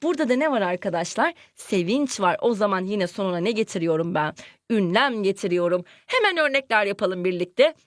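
A woman teaching a lesson to young children, lively and questioning, acting out example sentences with exclamations. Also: mid-range voice, fairly quick, no room sound, clean studio sound. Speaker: primary school teacher.

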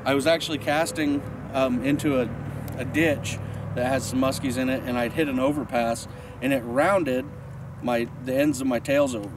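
This thirtysomething fishing instructor talks at a moderate pace in a steady, medium-pitched voice during a casual outdoor demo, explaining practical tips as he works his gear on a boat and snowy riverbank. A camera mic a few feet away captures him along with faint outdoor noise.

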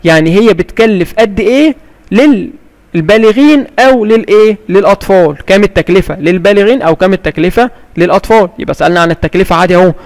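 A man with an Egyptian Arabic accent explaining English grammar like a classroom teacher. He asks questions and answers them himself, and he reads the English examples slowly and carefully. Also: sits high, animated, darkish tone, big-room sound.

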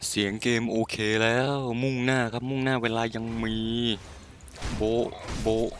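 A young man giving casual let's-play commentary, profane and excitable, swearing constantly while he plays. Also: mid-range voice, a little fast, a little hiss or hum. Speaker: gaming YouTuber.

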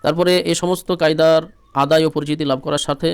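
A man's voice: on the high side, little pitch movement, fast, a little mellow, clean tone, no room sound. Patient Bengali man spelling out syllables. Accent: Bangladeshi Bengali. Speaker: Quran reading teacher. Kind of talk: spelling-drill lesson.

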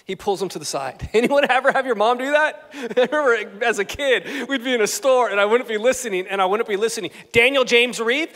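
A man, a pastor, giving an animated, playful, conversational sermon with asides to the congregation. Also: very high-pitched, quick pace, hardly any pauses. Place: church sanctuary. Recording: long hall reverb in a church.

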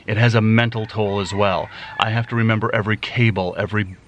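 A man's voice: fairly low pitch, steady tone, fast, highs cut off, a little hiss or hum. A tired man in his forties, talking casually to a close-held camera outdoors at camp, enthusiastic and rambling as he thinks aloud. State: tired and worn out. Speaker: vlogger and filmmaker. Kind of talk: casual vlog narration. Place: outdoors under a thatched shelter at camp. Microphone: camera held close at arm's length.

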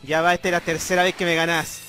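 An Argentine man hosting a casual chat while playing a fighting game, bursting into loud excited yelps. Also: a little high, fast talker. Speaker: channel host, gamer. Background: game music.

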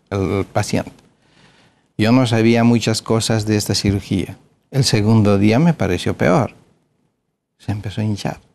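A man's voice: fairly low pitch, creaky, a little mellow. A middle-aged man, a plastic surgeon, telling a story from his career in an interview, hesitating with filler sounds and retelling the conversations.

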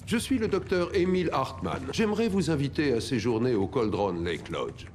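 Actor as suave doctor with expressive intonation. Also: male voice, mid-range voice, normal speed, slight background noise, lightly acted. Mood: courteous, composed. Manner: smooth-talking, formal, courteous. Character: suave, polite male clinic doctor. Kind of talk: video game dub acting.

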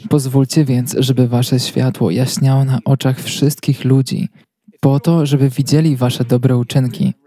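A man reading a translated sermon as a voice-over, telling it as a steady story. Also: mid-range voice, a little slow.

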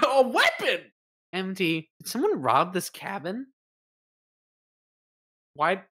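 A woman's voice: medium pitch, wildly swooping pitch, takes it slowly, bright, forceful tone, breathy edge. A woman streamer chatting casually during a game, playful and teasing, with casual swearing. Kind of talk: casual gameplay banter.

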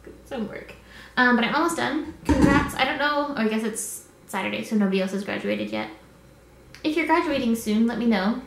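A woman's voice: on the high side, a little fast. A sleepy, worn-out woman in her twenties rambles casually to camera as a vlogger, easily drifting off track. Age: 20s. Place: small indoor apartment room. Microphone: camera at arm's length. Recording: echoey small room with faint noise.

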